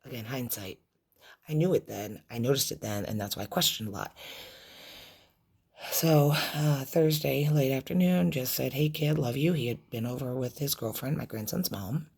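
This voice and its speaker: A middle-aged woman telling a personal story in a vlog, in a halting, emotional way with many restarts and trailing phrases. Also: extremely low pitch, gravelly, darkish tone, slightly rough. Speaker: vlogger recounting a loss.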